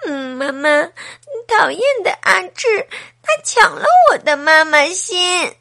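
A woman's voice: extremely high pitch, slow pace, a bit bright, dry recording, studio quality, pitched above the performer's own voice, heavily acted. A woman doing a sweet little schoolgirl's voice. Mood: upset. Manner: childlike, plaintive.

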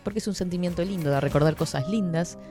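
A woman's voice: lowish voice, fast, mellow, soft background music. A woman with a Uruguayan accent co-hosting a casual radio show, playful and giggly while reading listener messages. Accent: Uruguayan Spanish. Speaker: radio co-host.

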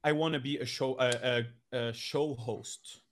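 A man chats casually as a podcast guest, his voice mid-pitched and ordinary. He restarts his sentences and laughs often. He speaks into a boom-arm mic in his office. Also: fairly even intonation, a little slow, a little hiss or hum. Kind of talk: casual chat. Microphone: boom arm microphone.

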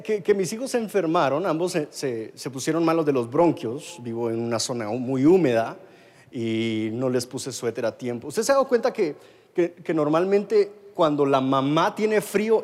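This man in his thirties speaks with a Guatemalan Spanish accent in a fairly high, animated voice with a darkish tone, at a moderate pace. He preaches a story-driven sermon to a live congregation and an online audience, often repeating and restarting words as he tells it.

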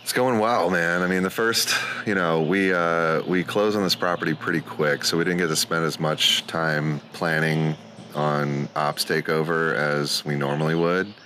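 A man's voice: a bass voice, fairly even intonation, a little slow, sharp tone. A man giving casual, hesitant, thoughtful interview answers outdoors as a guest. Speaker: podcast guest, company CEO. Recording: faint outdoor ambient noise.

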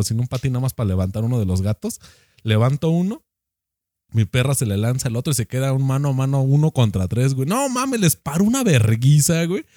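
Mexican dude rattling off a crude story super fast, dark tone, dry sound. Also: male voice, medium pitch, no room sound. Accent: Mexican Spanish. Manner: slangy, profane, animated anecdote. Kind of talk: casual storytelling chat.

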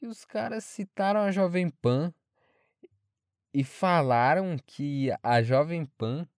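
Um jovem brasileiro falando sozinho de forma casual, franca e cheia de palavrões, divagando sobre a faculdade. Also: male voice, on the high side, takes it slowly, smooth, no room sound, studio quality. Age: young adult. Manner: frank, rambling, swears freely. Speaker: podcast host. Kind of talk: casual solo monologue.

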